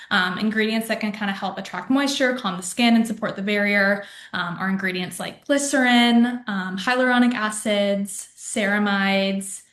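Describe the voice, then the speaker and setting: A woman's voice: mid-range voice, a bit bright. A young adult woman from a skincare brand, giving casual skincare advice with lots of "um" and "you know". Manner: chatty, many fillers like um and you know. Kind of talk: casual informative talk. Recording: echoey room.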